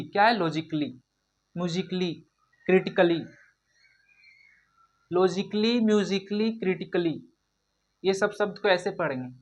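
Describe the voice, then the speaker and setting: A woman's voice: medium pitch, highs cut off. A woman teaching an online English lesson in Hindi, explaining silent letters and drilling each word with repeated questions and answers. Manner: repeats questions and answers, addresses viewers as friends.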